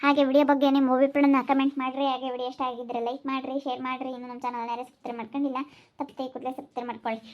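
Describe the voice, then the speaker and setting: A woman host with a Hiriyur-area rural Kannada accent, giving a quick, quiet sign-off at the end of a video. Her voice is high. The sound is dull and lo-fi. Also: flat delivery. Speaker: channel host. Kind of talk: video outro.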